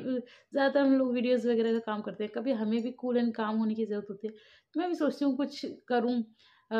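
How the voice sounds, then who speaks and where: A woman's voice: fairly high pitch, muffled recording. A young woman chatting casually in a home family vlog, talking about daily life and scolding her children firmly at times. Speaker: family vlogger.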